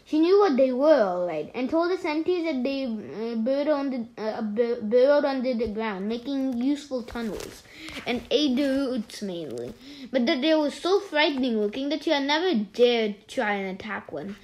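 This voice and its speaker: A woman's voice: fairly high pitch, expressive, a little mellow. A woman reading a children's story aloud, often stumbling and restarting words. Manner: halting, with frequent restarts.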